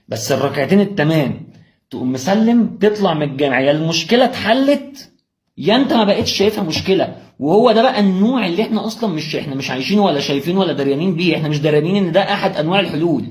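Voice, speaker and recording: A man's voice: on the high side, a little mellow. A young man with an Egyptian accent gives an impassioned motivational religious talk, firing rhetorical questions straight at the listener. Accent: Egyptian Arabic. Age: young adult.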